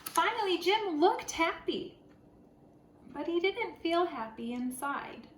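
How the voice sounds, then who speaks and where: A woman, a first grade teacher, reads and talks to young children in an expressive, deliberate storytelling way. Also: very high voice. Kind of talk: picture-book read-aloud for children. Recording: roomy echo, clear background noise.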